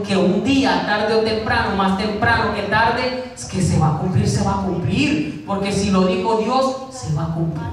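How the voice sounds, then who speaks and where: A man's voice: sits high, far from the mic. Male pastor preaching in an echoey hall. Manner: preaching with repetition and acted-out quotes. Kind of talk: sermon. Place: church.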